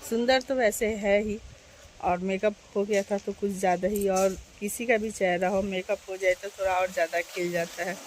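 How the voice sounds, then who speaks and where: A woman's voice: medium pitch, fairly even intonation, moderate pace, darkish tone, slight background noise. A woman in her thirties chatting casually to her viewers on a phone camera, sitting outdoors in the shade at her doorway. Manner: chatty, addresses viewers directly. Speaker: vlogger.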